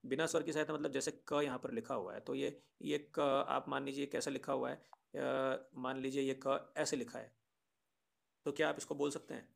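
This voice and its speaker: A man's voice: mid-range voice, level tone, normal speed, vocal fry. A man teaching a grammar lesson, patiently explaining to children and often asking rhetorical questions. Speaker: Sanskrit teacher.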